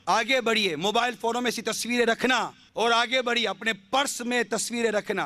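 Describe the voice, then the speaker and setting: A man's voice: high-pitched, fairly bright tone, no echo. A male preacher giving an impassioned sermon, full of rhetorical questions.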